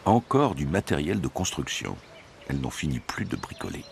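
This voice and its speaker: A man with a low-pitched voice narrates a nature documentary. His scripted delivery is measured and tells a story, with lively, wide-moving intonation. Faint birdsong and outdoor ambience sit behind him. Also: vocal fry, background noise.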